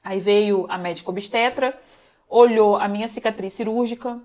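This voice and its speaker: In a darkish, medium-pitched voice with fairly even intonation and normal speed, a young woman with a Brazilian Portuguese accent earnestly relates her own story as a vlogger. It's emotional personal storytelling in which she calls viewers "gente" and acts out what people said.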